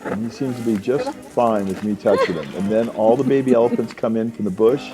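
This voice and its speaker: A man's voice: fairly low pitch, a little fast. A man narrating a travelogue as its host, in a casual, enthusiastic way full of superlatives. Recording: music behind the voice.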